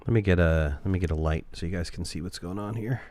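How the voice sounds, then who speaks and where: A man with a slightly low voice chats casually through a live game stream. He jokes with his viewers and answers their chat messages as he plays. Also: fast, darkish tone, slight background noise. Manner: chatty, joking, reads chat aloud.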